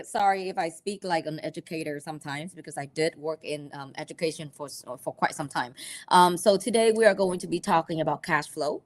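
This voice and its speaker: A woman from Vietnam, teaching a live personal finance class in a halting way full of ums and restarts. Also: mid-range voice.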